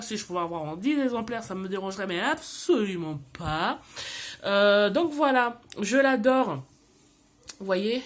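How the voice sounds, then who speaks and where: Chatty woman gushing over houseplants. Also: on the high side. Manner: chatty and animated, with gushing asides and mixed-in English phrases. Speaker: plant vlogger. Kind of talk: casual chat.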